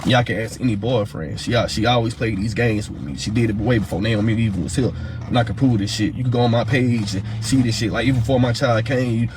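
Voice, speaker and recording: Man, casual storytelling, repeats words, faint background hiss. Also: fairly low pitch. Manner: fast, heated retelling full of fillers and repeats. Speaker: father of a missing woman's child.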